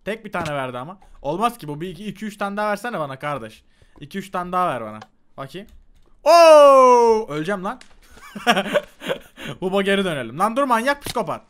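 Brief: young male gamer, high-pitched, bright tone, excitable commentary swinging between loud cheers and low grumbling. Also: quick pace. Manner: excitable, shouts and cheers himself on; mutters and grumbles when failing. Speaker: gaming YouTuber. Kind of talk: Minecraft parkour commentary.

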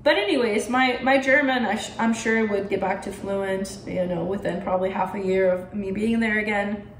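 A young Polish vlogger chats casually to camera from an armchair in her living room, gesturing a lot with her hands. Her voice is medium-pitched at a normal speed, with a little hiss or hum and a roomy echo from the space.

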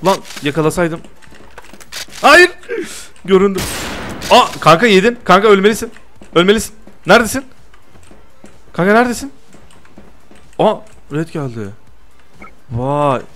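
A young man doing lively gameplay commentary, teasing his friend and protesting loudly to his viewers. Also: high-pitched, normal speed, long pauses, slight background noise. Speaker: gaming YouTuber.

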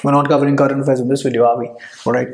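A man's voice: mid-range voice, level tone, very fast, a little hiss or hum. A man in his thirties with a North Indian accent, lecturing emphatically at a whiteboard as an exam coach and tossing out rhetorical questions. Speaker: law exam coaching teacher. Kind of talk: whiteboard lecture mixing English and Hindi. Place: indoor room at a whiteboard. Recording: echoey room.

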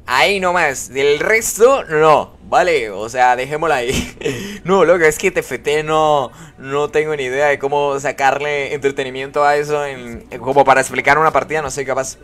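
Hosting a casual live game stream, a man chats with his followers, greeting them by name and reading their comments out loud. His voice is a little high and fairly bright, at a normal speed.

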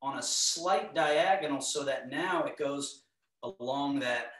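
In an indoor living space at home, a middle-aged tai chi teacher gives measured, step-by-step movement instructions in a calm, serene mid-range voice. A camera across the room captures him, making the audio distant and echoey.

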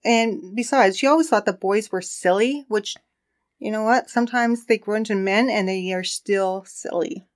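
A woman co-hosts a casual true crime podcast and tells the case story. She talks in a relaxed, chatty way and laughs often. Her voice sits at an ordinary middle pitch. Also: moderate pace.

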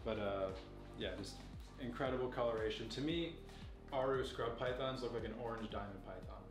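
A young man in his twenties casually showing and explaining snakes in an indoor reptile room, relaxed and knowledgeable, with many fillers. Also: medium pitch, moderate pace, far from the mic. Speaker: facility owner giving a tour. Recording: echoey room, off-mic, music behind.

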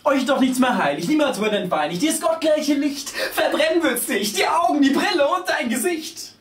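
A man voicing a shrill, scolding old grandmother who wails and frets, in an echoey room away from the mic. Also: lively intonation, moderate pace, a bit bright, distant mic. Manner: wailing, shrieking, fretful.

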